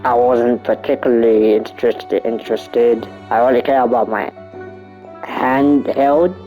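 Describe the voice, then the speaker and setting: Slow, stumbling nineteen-year-old male reader. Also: medium pitch, fairly even intonation, phone-quality sound, soft background music. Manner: halting, stumbling reading with asides and chuckles. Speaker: gaming YouTuber. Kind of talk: reading a visual novel aloud with commentary.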